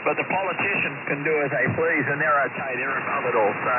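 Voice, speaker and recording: An Australian man comes through a narrow, phone-like shortwave signal buried under loud hiss. He speaks a little high for a man and sounds blunt and opinionated, like a radio amateur on the air. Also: a little fast. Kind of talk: ham radio contact.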